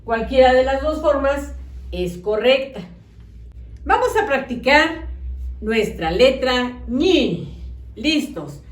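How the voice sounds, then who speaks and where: Slow, lively woman teaching phonics. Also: sits high, recorded from a distance. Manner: slow, exaggerated sounding-out of syllables. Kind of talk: children's phonics lesson. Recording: echoey room, voice off-mic.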